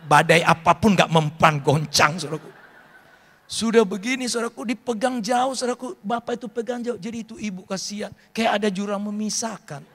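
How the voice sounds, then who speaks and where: Animated pastor preaching a sermon. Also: male voice, high voice, brisk. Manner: animated storytelling, acts out voices of people in his stories.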